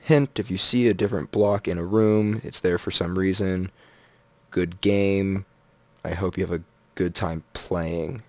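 A low-voiced man chats through his gameplay in a casual, joking way, reading the game's signs aloud as he goes. The recording is dry and close, with no room sound. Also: fairly even intonation, a little slow, a little mellow, no room sound. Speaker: Minecraft let's player.

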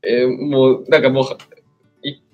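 A man's voice: mid-range voice, level tone, unhurried, phone-quality sound, soft background music. A teenage boy, a student guest, answering questions hesitantly and apologetically in a casual chat. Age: teens.

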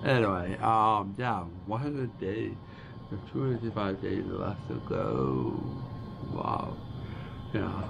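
A deaf man in his forties vlogging to camera in slow, halting speech, restarting phrases as he talks. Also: fairly low pitch, expressive, creaky, noisy background. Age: 40s. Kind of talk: casual vlog talk to camera. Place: small dim room with a starry backdrop. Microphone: camera close in front of face.

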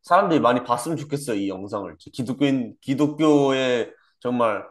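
A man's voice: medium pitch, lively intonation, a little fast. A young man giving a personal testimony in a conversation, repeating himself and trailing off with many fillers. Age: young adult. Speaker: guest, former church member.

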